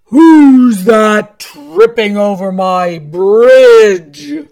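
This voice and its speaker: A woman's voice: mid-range voice, lively intonation, warm tone. A woman putting on a roaring mean troll. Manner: roaring, slow and menacing. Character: mean ugly male troll under a bridge.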